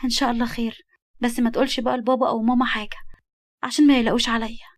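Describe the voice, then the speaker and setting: Brief: hurt young wife, voiced by a woman storyteller, Egyptian accent, timid and pleading, quick. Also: a little high, level tone, no room sound, studio quality, close to an everyday voice. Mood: gentle. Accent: Egyptian Arabic.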